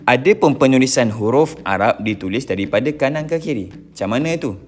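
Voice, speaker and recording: A man with a Malaysian Malay accent, a religious teacher giving a recorded slide lesson, slowly repeating each term and often checking his listeners follow. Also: medium pitch, lively intonation. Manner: slow drilled repetition of terms.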